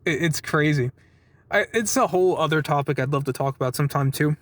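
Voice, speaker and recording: This twenty-something vlogger talks fast and loose in his weekly update, swearing now and then and performing the quoted exchanges in his stories. His pitch is fairly high, his delivery fairly quick, and his tone fairly bright, with no room sound in the recording.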